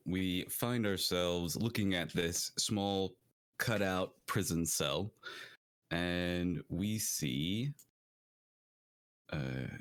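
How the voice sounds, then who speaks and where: A man narrates a tabletop game as game master. He picks his words slowly and hesitantly. His voice is very deep. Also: fairly bright tone. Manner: slow, hesitant, with fillers.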